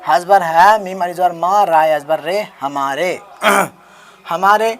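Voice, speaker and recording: Male teacher spelling letters slowly. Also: high-pitched. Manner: spells out letters slowly, repeats words, asks and answers his own questions. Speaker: online Urdu writing teacher. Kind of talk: step-by-step handwriting lesson. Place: home, with beggars on a loudspeaker outside.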